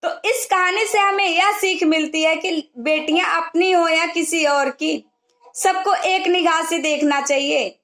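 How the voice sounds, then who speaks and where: Woman with a very high voice, casually telling a moral story, keeps it plain. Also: fairly even intonation, a little slow, a bit bright, reverberant. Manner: plain retelling with quoted dialogue.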